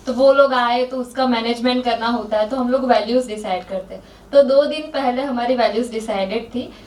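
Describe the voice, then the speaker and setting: A young woman earnestly telling a personal story to a group, going through the events step by step. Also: fairly high pitch. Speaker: volunteer sharing an experience. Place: large hall. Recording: echoey hall, far from mic.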